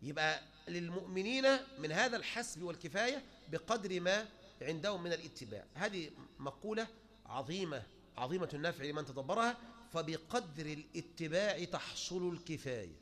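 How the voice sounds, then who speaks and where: A man's voice: sits high, brisk. A man with an Egyptian Arabic accent delivering a sermon, asking rhetorical questions and mocking the views of others. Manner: animated, rhetorical questions, mocking quoted opponents. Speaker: preacher.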